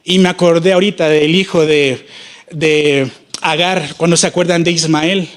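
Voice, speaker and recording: A man's voice: fairly high pitch, steady tone, normal speed. A man from El Salvador preaching an impassioned church sermon, voicing prayers aloud and drawing out words for emphasis. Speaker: prophet preaching.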